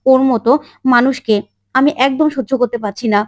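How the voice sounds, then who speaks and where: Give me a scornful young man, read by a woman with a high voice. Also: fairly even intonation, normal speed, darkish tone, dry recording, studio quality, lightly acted. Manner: scornful, scolding.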